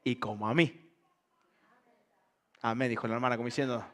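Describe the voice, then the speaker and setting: A man's voice: medium pitch, steady tone, moderate pace, fairly bright tone. A man pastor, preaching a sermon to his congregation, humorous and full of rhetorical questions. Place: church service before a congregation.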